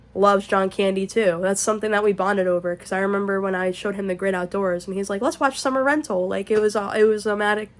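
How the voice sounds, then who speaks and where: An excitable woman talks at home in a casual vlog, rambling from one thought to the next and swearing freely. Her voice sits at an ordinary middle pitch. At times she drops to a shaky whisper. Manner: whispering to keep quiet. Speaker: vlogger. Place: home, indoors.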